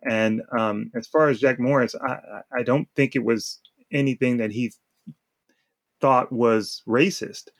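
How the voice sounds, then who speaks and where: A man's voice: mid-range voice, steady tone, a little slow. A man co-hosting a sports talk show, delivering an emphatic opinion rant with repeated words and short laughs. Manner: emphatic, repeats words while searching, laughs between points. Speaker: podcast co-host.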